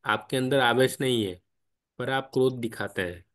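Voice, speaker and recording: A man leads an online spiritual study discussion in a mid-pitched voice. He explains patiently, step by step, and often stops to put questions to his listeners. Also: normal speed, a bit bright. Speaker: study group guide. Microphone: online call.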